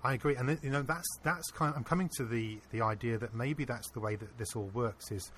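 A man being interviewed, earnestly telling a personal anecdote in a casual, animated way. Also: mid-range voice, fairly quick, slightly rough. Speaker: interview guest. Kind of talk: casual storytelling.

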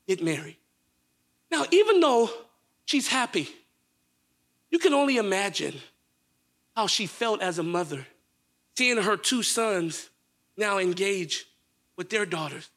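A young male preacher delivers a sermon in a church with a very high, bright voice. He swings between quiet storytelling and shouted, fervent preaching. He keeps calling out to the congregation for a response.

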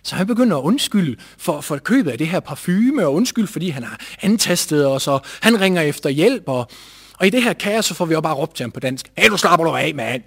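Guy telling a story on stage, husky voice, bit high, soft music under it. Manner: lively, animated retelling with acted-out quotes. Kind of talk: live storytelling.

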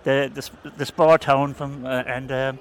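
An older man, co-hosting a casual radio chat with halting, repeated words. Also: mid-range voice, level tone. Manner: hesitant, stammering repetitions. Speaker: radio co-host. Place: outdoors in a busy town square. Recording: outdoor field recording, crowd noise behind.

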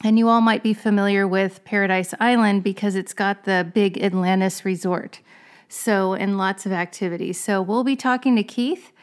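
A woman's voice: medium pitch, steady tone, normal speed. A woman in her fifties with a mid-range voice co-hosts a podcast interview. She is chatty and upbeat and talks directly to the listeners. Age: 50s. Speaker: podcast co-host.

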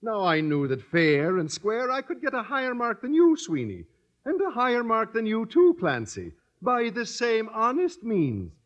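An earnest, bookish fellow in vintage radio comedy. His highish voice rises and falls eagerly and awkwardly, with dull old broadcast sound. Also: wildly swooping pitch, normal speed. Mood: earnest storytelling. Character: earnest, awkward male storyteller with a corny joke.

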